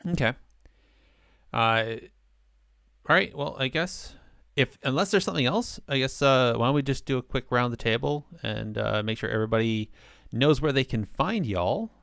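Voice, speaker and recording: A man's voice: medium pitch, expressive, normal speed, gravelly, fairly bright tone, clean tone, no room sound, clean studio sound. A man hosting a casual gaming roundtable, easygoing and full of fillers as he steers the talk. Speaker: podcast host.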